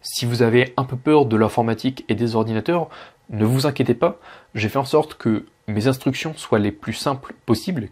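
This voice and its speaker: A man's voice: medium pitch, a little mellow, slightly rough. Casual man explaining a course, many fillers. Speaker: Russian language teacher.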